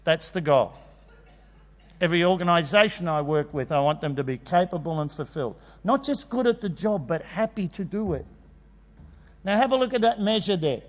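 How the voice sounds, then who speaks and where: A man gives a jokey, animated talk at a conference, acting out kids' voices. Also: high voice, normal speed. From Australia. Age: 50s. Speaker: conference speaker. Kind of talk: energetic presentation. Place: large conference hall. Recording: long hall reverb.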